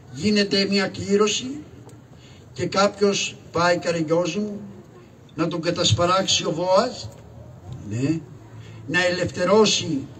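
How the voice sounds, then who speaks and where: A man doing a shrill fussy town crier. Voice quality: loud proclaiming, wheedling, fussy. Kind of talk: live shadow puppet theater. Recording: distant live stage recording with audience noise.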